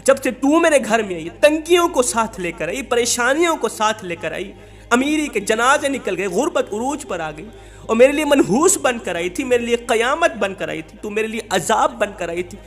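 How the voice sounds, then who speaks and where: Bitter ranting husband, voiced by a male preacher, high-pitched. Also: lively intonation, fairly bright tone. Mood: angry ranting. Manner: ranting, rapid accusing repetitions. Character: angry poor husband cursing his wife.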